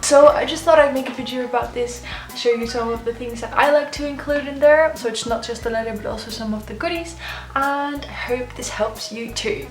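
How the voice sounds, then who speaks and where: Her voice is fairly high and a little fast, with few pauses, as she chats casually through her how-to vlog. The woman, a video host who blogs about letter writing, is recovering from wisdom teeth removal, and her swollen jaw slightly impedes her speech. Faint music plays in the echoey room.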